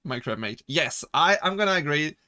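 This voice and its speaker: A man's voice: a little high, lively intonation, fairly quick, pushed and bright, no room sound, studio quality. A man streaming as a VTuber, chatting casually, rambling, correcting himself and laughing often as he answers chat.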